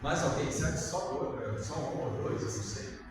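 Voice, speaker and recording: An older man with a Brazilian Portuguese accent preaches in a church hall, his medium-pitched voice expressive and at normal speed. He talks conversationally and questions the congregation; the recording is echoey, distant from the mic, with background noise.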